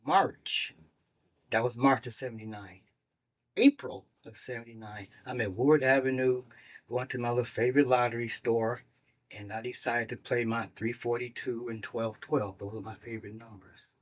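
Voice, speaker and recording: Older male guest on a talk show, sixties, mid-pitched voice, animated storyteller who acts out the voices of people he quotes. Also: normal speed. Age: 60s. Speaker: guest doctor. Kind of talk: casual storytelling.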